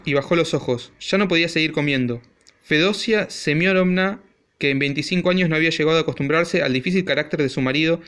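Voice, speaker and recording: A man's voice: fairly high pitch, a bit bright. A man narrating a classic short story as an audiobook with dramatic storytelling. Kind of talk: audiobook reading.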